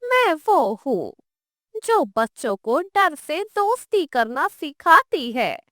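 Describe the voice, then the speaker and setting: Woman doing a cartoon witch, pizza seller, slow soothing voice, high, dry close sound. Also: big pitch swings, a bit bright, no room sound, exaggerated voice. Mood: calm, knowing. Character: mysterious female witch selling pizza, calm, teasing. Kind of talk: cartoon storytelling.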